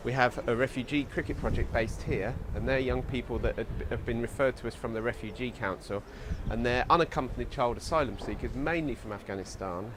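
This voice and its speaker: A man with a middle-range voice explains his charity's work in an earnest way, pausing to find the right words. The outdoor recording carries steady, clearly audible background noise. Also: medium pitch. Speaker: youth charity representative. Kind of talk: explanatory interview answers.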